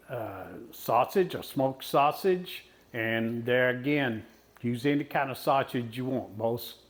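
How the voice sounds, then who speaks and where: A man in his sixties speaks with a West Texas twang at a slow pace. His medium-pitched voice has a folksy, unscripted manner, pausing often as he walks through a cooking demonstration. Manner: folksy, unhurried, with pauses. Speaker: home cook presenting a recipe.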